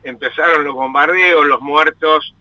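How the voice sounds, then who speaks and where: A very bright, forceful voice from a man, talking through a hands-free phone in his parked car. He is an animated storyteller who stretches out the words he wants to stress. The call sounds dull and lo-fi, with a dry, close sound. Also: fairly high pitch, a little slow, no room sound. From Italy. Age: 80s. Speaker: interview guest. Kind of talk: telling his life story in a radio interview.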